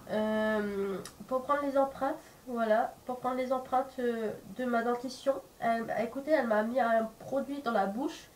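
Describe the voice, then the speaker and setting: A woman's voice: a little high, unhurried, hardly any pauses. A woman with a congested, stuffy nose and sore throat from a cold, chatting casually to camera in a hesitant, rambling way as a vlogger. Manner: hesitant, rambling, searches for words. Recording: distant mic, faint background noise.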